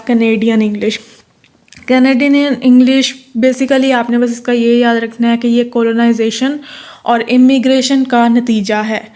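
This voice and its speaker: A woman tutor from Pakistan talks through exam notes in a steady, flat tone. Her voice sits a little high. She reads English lines slowly, then explains them.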